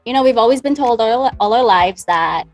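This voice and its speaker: A woman's voice: a little high, lively intonation, fairly quick, soft background music. A woman from the Dominican Republic, a money mindset coach, chatting as a guest in an interview, upbeat and talkative. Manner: upbeat, talkative, acts out past conversations. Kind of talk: conversational interview.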